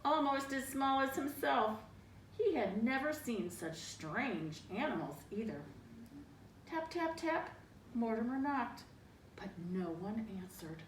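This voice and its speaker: A woman reads a children's picture book aloud with dramatic emphasis, slipping in small asides to young listeners. Her slightly high voice swings widely in pitch at a slow pace. The recording sounds roomy, with a distant mic and faint noise.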